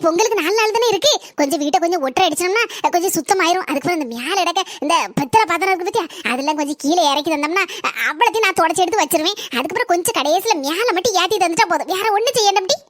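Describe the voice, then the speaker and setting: Woman doing a cartoon village mother, Kanyakumari accent, nagging, fast, dry studio sound. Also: extremely high pitch, animated, fairly bright tone, dry recording. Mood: bossy. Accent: Kanyakumari Tamil. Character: fussy middle-aged village mother, scolding. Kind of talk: animated cartoon voice acting.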